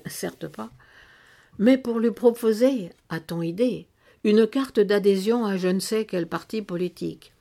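A woman reading a literary novel aloud in an expressive storytelling manner, with sharp rises on key words. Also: medium pitch, gravelly. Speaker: narrator.

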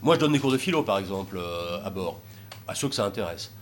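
A man speaks in a low, animated voice and talks fast, with slight background noise, about taking troubled youths sailing. It is an informal talk with audience questions, and he rambles with many hesitations and fillers.

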